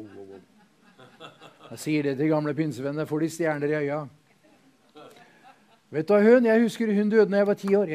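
Fervent high-voiced preacher. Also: male voice. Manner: fervent, exclaims hallelujah, swings from loud to hushed. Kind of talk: revival sermon.

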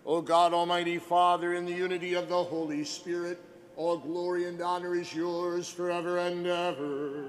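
A male priest reciting the prayers of the Mass in a solemn, deliberate, formal manner, his voice echoing as in a cathedral. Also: sits high, flat delivery, faint music behind. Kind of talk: liturgical prayer, measured recitation. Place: large echoing church. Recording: cathedral-like echo, long reverb, faint noise.

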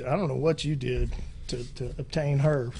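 A middle-aged police training officer chatting casually, rambling and joking with frequent laughs. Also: male voice, medium pitch, fairly even intonation, moderate pace, dark tone, slight background noise. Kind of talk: casual podcast chat.

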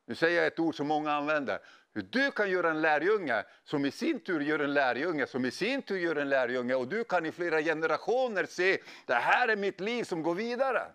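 A middle-aged man preaching a sermon, telling stories in an animated way with casual slang. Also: fairly high pitch, clear, resonant tone. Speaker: pastor. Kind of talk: sermon with storytelling.

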